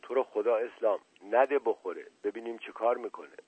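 A man's voice: medium pitch, husky, dry recording, natural voice. A man voicing a puzzled village headman who exclaims in a raised voice. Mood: bewildered. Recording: tinny phone-like dry recording.

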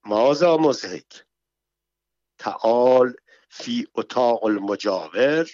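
A man voicing a strong, brusque bride in an audiobook, speaking in short, slow questions. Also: mid-range voice, lively intonation, a little mellow, no room sound, natural voice. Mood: curt. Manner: terse, slow mock-Arabic questions. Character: formidable, brash bride, strong woman. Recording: dull, muffled audio.

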